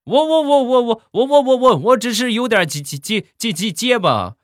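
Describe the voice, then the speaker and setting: Man putting on a grumpy old geezer, stammering hard, high and shrill, voice swooping about. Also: big pitch swings, normal speed, no room sound, studio quality. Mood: stammering indignant. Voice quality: heavy stutter, shrill.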